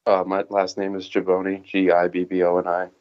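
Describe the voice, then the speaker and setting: A man's voice: low-pitched, monotone, fairly quick, clear, resonant tone, lo-fi sound. A man testifying at a hearing over a remote call, hesitant with many ums, his audio choppy and breaking up. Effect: choppy audio, breaking up over the call line. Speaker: member of the public testifying at a hearing.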